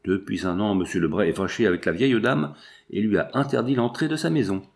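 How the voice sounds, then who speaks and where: A man's voice: fairly low pitch, a little fast, natural voice. A man voicing a kindly old bread-carrier woman. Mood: gentle.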